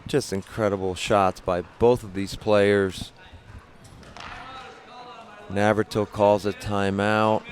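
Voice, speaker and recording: A man calling a pickleball match live, measured play-by-play with quick bursts of excitement. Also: on the low side, slight background noise. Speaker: pickleball commentator. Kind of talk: live sports commentary.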